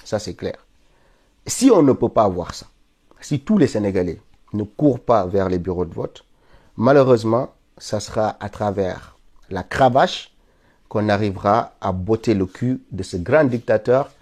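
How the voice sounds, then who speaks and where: A lowish, slightly mellow male voice comes from a man from Senegal who has a cold and sounds stuffy. Streaming live as a political commentator, he delivers an insistent monologue that swells to indignant peaks.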